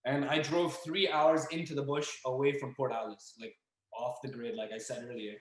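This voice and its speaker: A young man telling a story as a podcast guest, casual and animated, acting out the voices of the people in it. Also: medium pitch, normal speed. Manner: animated, acts out dialogue and yelling. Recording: echoey room.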